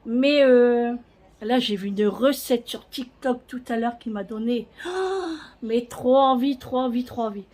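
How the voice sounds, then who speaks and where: A woman's voice: fairly high pitch, a little slow, darkish tone. A woman chatting casually at home in her kitchen, rambling with lots of fillers and restarts. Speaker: vlogger. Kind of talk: casual home vlog chat.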